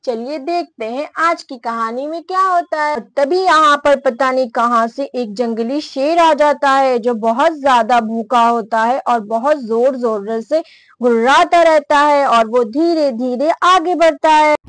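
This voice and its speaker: A woman narrating a doll story in a steady storytelling manner, repeating phrases. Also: sits high, a little slow, no echo.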